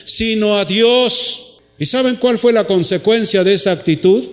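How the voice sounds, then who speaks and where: A man preaching a sermon, putting rhetorical questions to his congregation and drawing out phrases for emphasis, recorded in a church hall. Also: high-pitched.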